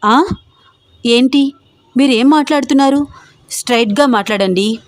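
A woman voicing an indignant young pregnant wife who snaps back quickly and sharply. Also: high voice, dry recording, clean studio sound, natural voice. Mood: indignant, angry.

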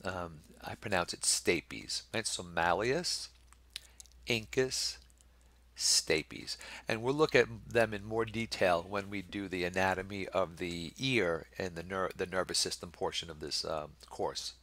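Middle-aged male lecturer, very low voice, dry close sound, patient and explanatory. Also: measured pace, fairly bright tone, dry recording. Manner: explains patiently, often checking with a questioning "right?". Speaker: anatomy instructor. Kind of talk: recorded lecture over slides.

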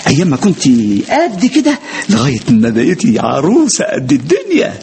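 An actor playing a doting, sentimental family-friend uncle in an Egyptian TV comedy, speaking with an Egyptian accent. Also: male voice, sits high, huge pitch swings, fairly quick, creaky, darkish tone, a little hiss or hum, full character voice. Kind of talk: TV comedy acting.

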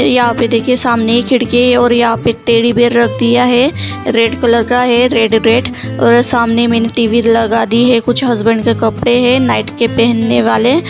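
A home vlogger from India, whose first language is Marathi, narrates a casual tour of her small one-room home. She has a high voice with a gravelly edge and records indoors on a handheld phone.

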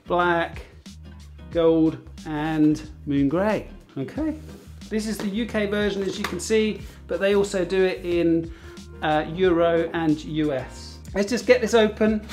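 A man with a British accent casually chatting through a tech unboxing at home, wandering and restarting his sentences. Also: high-pitched. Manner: chatty, meandering, restarts phrases. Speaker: tech reviewer.

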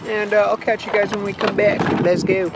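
A man's voice: high voice, little pitch movement, brisk, heavy background noise. A young man joking his way through a casual travel vlog outdoors, filmed on a handheld camera at arm's length. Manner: joking, playful narration to camera. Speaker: vlogger. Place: outdoors on forest trails and a harbor. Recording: music under the voice.

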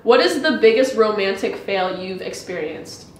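A woman's voice: mid-range voice, lively intonation, moderate pace, recorded from a distance. A young woman as a guest in a casual drinking-game chat, blunt and laughing often. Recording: echoey room with faint noise.

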